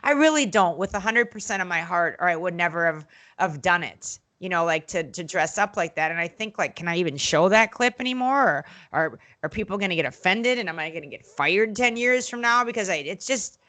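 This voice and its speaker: Speaking fairly quickly in a lowish voice, a former wrestling interviewer and manager recounts her wrestling days as a podcast guest. She's outspoken and animated, acting out other people's lines in different voices, with lots of fillers and restarts.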